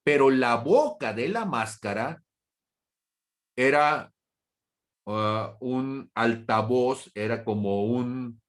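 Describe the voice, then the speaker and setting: A male pastor teaching a Bible class at an unhurried, measured pace. His voice sits at an ordinary pitch, and he poses rhetorical questions, now and then jumping up into quick little acted-out dialogues. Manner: acts out brief imagined dialogues in a raised voice. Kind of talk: sermon.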